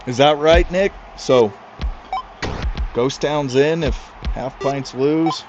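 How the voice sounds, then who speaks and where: A man doing casual, excitable play-by-play commentary for a league, throwing in chatty asides to his co-hosts. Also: fairly high pitch, takes it slowly. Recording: slightly muffled with clear music behind.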